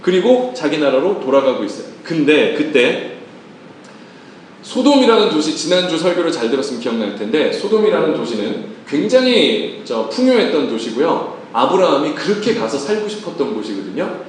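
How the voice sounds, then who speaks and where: A man preaching a lively, joking sermon and putting questions to his congregation. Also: a little high, a little fast, slight background noise. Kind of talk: lively sermon with acted-out quotes. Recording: echoey room, voice from a distance.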